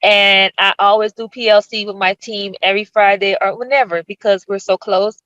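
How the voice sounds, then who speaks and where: A woman's voice: mid-range voice, steady tone, moderate pace, dry recording. A young woman, a first-year teacher, introducing herself chattily in a video clip. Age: young adult. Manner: chatty, warm about colleagues. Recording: dull, dry clip audio.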